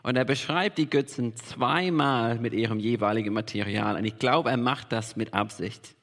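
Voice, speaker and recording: A man's voice: medium pitch, moderate pace, a bit bright. A man preaching a sermon as pastor, emphatic and repeating key phrases for weight. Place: church hall. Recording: long reverb of a large hall.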